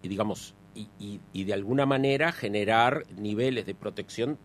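A man's voice: on the low side, normal speed, slight background noise. Hesitant Uruguayan man explaining at length. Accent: Uruguayan Spanish.

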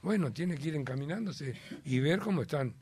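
A man's voice: on the high side, lively intonation, brisk, darkish tone, breathy edge, no echo. A man with a Uruguayan Spanish accent, chatting as a guest in an emphatic, rambling way with many fillers. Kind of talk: casual chat.

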